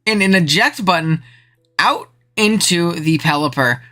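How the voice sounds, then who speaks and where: Casual live commentary on a match from a streamer who's slangy and excitable, pitch jumping high in the thrilling moments. The delivery is unhurried, with faint music in the background.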